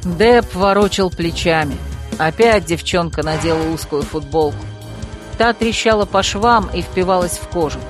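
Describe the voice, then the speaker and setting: A narrator reading an audiobook in a measured, expressive way, close to the mic. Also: medium pitch, music in the background.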